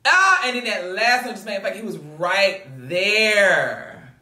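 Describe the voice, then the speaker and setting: A young man hosting a movie reaction video, loud and dramatic, swearing and shrieking at the screen. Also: high-pitched, animated, unhurried, reverberant, distant mic.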